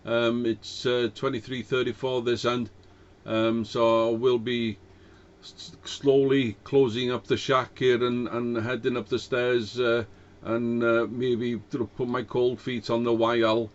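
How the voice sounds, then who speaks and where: Over a dull, lo-fi radio link, a male ham operator talks into a cheap dynamic microphone during a casual contact. His mid-range voice has little pitch movement, and he is unhurried, hesitant and polite.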